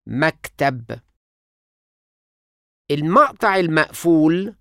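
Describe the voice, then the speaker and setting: Egyptian Arabic teacher, scripted lesson, slow and lively in pitch, dry close recording. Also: dry recording. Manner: deliberate, carefully enunciating example words. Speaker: language teacher.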